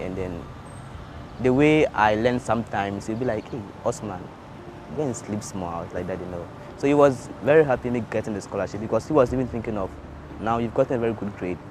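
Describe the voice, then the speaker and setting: Young man, halting testimony. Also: lowish voice, background noise. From Ghana. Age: young adult. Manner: halting, repeats words. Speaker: scholarship student. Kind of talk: interview testimony. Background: soft background music.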